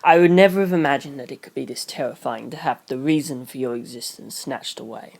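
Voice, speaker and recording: In an audiobook, a narrator with a mid-range, brisk voice and some vocal fry plays an eleven-year-old boy detective. The boy is earnest, intense and grandly sure of himself, prone to pompous speeches, and here he sounds wistful and jealous.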